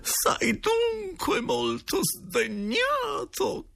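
A man voicing a tearful older woman who pleads with a spirit in a wailing falsetto, read from a storybook. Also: wildly swooping pitch, very slow, vocal fry, a bit bright, exaggerated voice. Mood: tearful pleading.

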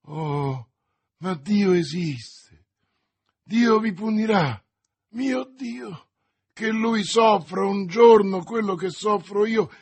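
A man's voice: fairly high pitch, animated, extremely slow, creaky, darkish tone, slightly rough, exaggerated voice. A man voicing a dying, poisoned soldier in an audiobook, who speaks with anguish and bitter accusation. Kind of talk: audiobook character voice.

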